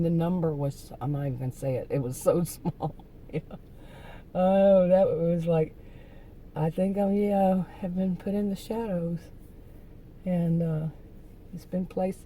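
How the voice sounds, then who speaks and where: A woman's voice: lowish voice, normal speed, mellow, a little hiss or hum, low-quality recording. A woman YouTuber with a soothing voice talking in a casual vlog monologue, rambling, easily distracted and trailing off mid-thought.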